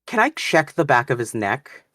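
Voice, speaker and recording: A woman's voice: rumbling low, big pitch swings, moderate pace, fairly bright tone, no room sound, studio quality. A woman chatting casually as a player in a tabletop role-playing game, describing what a character does.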